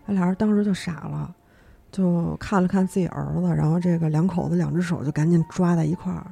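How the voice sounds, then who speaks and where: A young woman narrating a horror story as podcast host, acting out each character's lines with sudden jumps in pitch. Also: brisk, gravelly, husky. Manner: animated telling, acts out the characters' lines with sharp pitch jumps.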